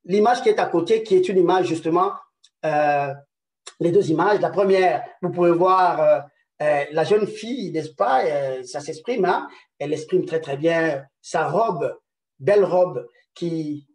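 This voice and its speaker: Halting male conference speaker, roomy and distant. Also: on the high side, darkish tone. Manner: hesitant, many repeated words and fillers; rhetorical "n'est-ce pas" tags. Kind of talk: presentation lecture.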